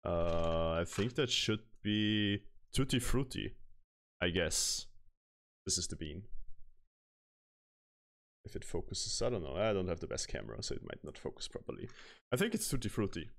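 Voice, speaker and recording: A chatty young man from Austria talks into a headset mic in a small room at home. His voice sits a little low, and he laughs often as he reads out and answers his chat. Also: lively intonation, moderate pace. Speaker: streamer. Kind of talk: casual live-stream chat. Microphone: headset microphone.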